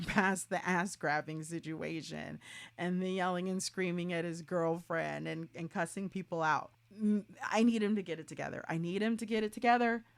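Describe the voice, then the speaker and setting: Chatty woman hosting a solo podcast. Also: on the low side. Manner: chatty and animated, with restarts and rants. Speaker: podcast host.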